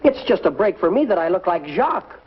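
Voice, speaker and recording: A man's voice: high voice, big pitch swings, brisk, breathy edge, exaggerated voice. An actor playing an eager young American man who stammers and puts on a bad fake French accent in a 1950s sitcom. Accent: fake French put on over American. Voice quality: hesitant, stammering, comic. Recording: dull 1950s TV soundtrack with noise.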